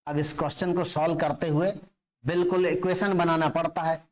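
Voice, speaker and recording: Man, chemistry teacher, classroom lecture, fairly high voice, patient step-by-step explaining. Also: level tone, normal speed. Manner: explains step by step, often checking understanding.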